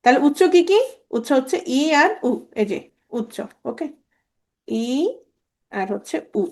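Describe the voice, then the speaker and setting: A woman teacher giving an exam-prep grammar lecture. She is brisk and informal, repeats sounds over and over, and asks and answers her own questions. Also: a little high, lively intonation, darkish tone.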